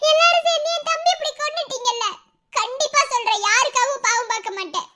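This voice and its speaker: A woman voicing an angry grieving woman who swears revenge for her brother, shouting threats with bitter laughs in a Madurai Tamil accent. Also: very high-pitched, quick pace. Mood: furious vengeful.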